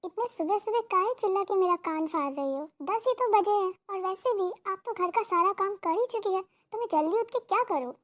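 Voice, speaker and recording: A woman's voice: extremely high pitch, normal speed. A woman voicing a lazy, sly young daughter-in-law who whines and plays innocent. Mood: cheeky. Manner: whiny, coaxing, fake innocent.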